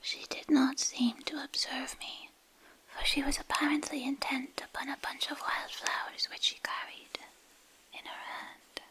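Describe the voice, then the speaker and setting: A woman reads a literary fantasy story as ASMR in a breathy, intimate whisper, hushed and pausing between short phrases, close to a binaural microphone. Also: sits high, little pitch movement, poor audio. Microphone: close binaural microphone, ear to ear.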